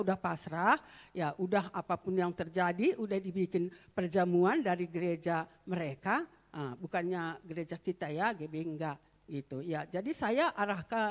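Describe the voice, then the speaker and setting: A woman preaching a sermon and telling a personal testimony, shifting from quiet asides to loud, animated exclamations. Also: mid-range voice. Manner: animated storytelling, swings from soft to loud exclamations. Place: church hall. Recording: long church-hall reverb.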